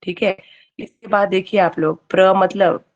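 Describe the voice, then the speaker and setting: A woman's voice: mid-range voice, fairly even intonation, unhurried, dull audio. A woman teacher giving an online grammar class. She keeps quizzing her students and checks in with "okay" as she goes.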